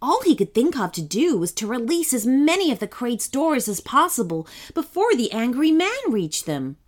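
A woman reads a children's story aloud with an animated, expressive delivery. Her pitch sits a little high and swings widely from line to line. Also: moderate pace. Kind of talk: scripted narration for children.

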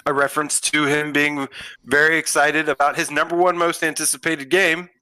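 A man's voice: a little high, little pitch movement, normal speed, sharp tone, no room sound, poor audio. A man co-hosting a casual live gaming stream, playful and giggly, rambling as he reads out viewer names. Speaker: podcast co-host.

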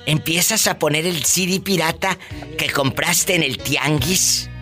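A man's voice: fairly high pitch, unhurried, music in the background. A man with a Mexican accent hosting a radio show, teasing and joking in casual banter. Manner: playful, teasing, exclamatory. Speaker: radio host.

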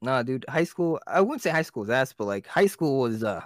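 A man's voice: mid-range voice, big pitch swings, a little fast, no echo, studio quality. Young man telling a rambling story. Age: young adult. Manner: rambling storyteller, swears a lot, laughs often. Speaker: podcast co-host. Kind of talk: casual chat.

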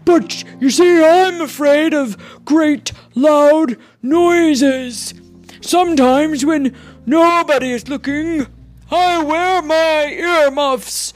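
A woman voicing a timid male lion in a children's storybook, speaking loudly and slowly. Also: high voice, faint music behind, pitched above the performer's own voice. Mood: fearful. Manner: loud, slow and drawn out.

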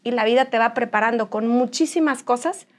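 A woman with a Mexican accent, speaking as an interview guest and telling her personal story in an animated way. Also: fairly high pitch, brisk. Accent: Mexican Spanish. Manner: animated, acts out other people's lines. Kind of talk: candid conversational storytelling.

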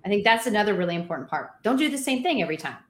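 A woman trainer giving energetic workout advice in a casual chat, laughing often. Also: medium pitch, racing, reverberant. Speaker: fitness trainer guest.

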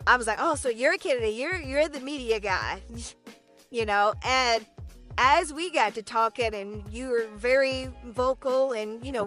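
Podcast co-host, woman, high and bright voice, chatty with many repeated words. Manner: chatty, repeats words, keeps asking "right?". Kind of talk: casual chat.

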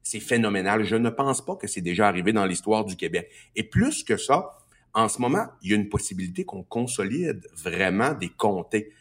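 A Québécois man guesting on a political radio show, his voice low-pitched with a husky, breathy edge. He argues in an emphatic, animated way, piling up repeated phrases to push his points. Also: moderate pace. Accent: Québécois French. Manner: emphatic and animated, building arguments with repetition. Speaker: political guest, party health spokesman. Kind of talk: political talk radio interview.

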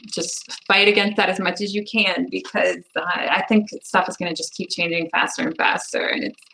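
A woman's voice: on the low side, steady tone, moderate pace, creaky, bright, forceful tone, slight background noise, poor audio. A woman hosting a casual weekly interview, chatty and encouraging, with frequent "like" fillers. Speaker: podcast host.

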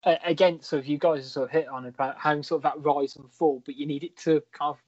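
A man's voice: a little high, fairly even intonation, fast, darkish tone, no room sound, lo-fi sound. A man co-hosting a casual football podcast, rambling and hedging as he thinks aloud. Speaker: podcast co-host.

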